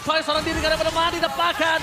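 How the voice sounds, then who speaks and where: An Indonesian man delivers esports play-by-play as a hyped fighting game announcer. His voice is pushed very high and races along, breaking into long shouted calls. Music plays clearly behind him. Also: completely flat delivery, rapid-fire. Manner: hype, shouting calls with stretched-out words.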